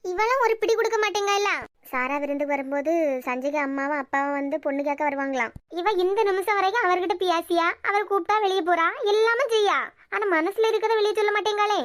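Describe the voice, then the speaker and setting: Woman voicing a grieving cartoon mother, Kanyakumari Tamil accent, very high voice, dry close sound. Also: quick pace, no echo. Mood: worried. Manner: tearful lament. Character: grieving middle-aged mother, anxious, tearful. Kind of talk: cartoon web series dialogue.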